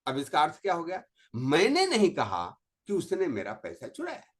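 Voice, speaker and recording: A middle-aged man, teaching a spoken lesson on communication with slow, emphatic stress on words. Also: fairly high pitch, huge pitch swings. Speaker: motivational teacher.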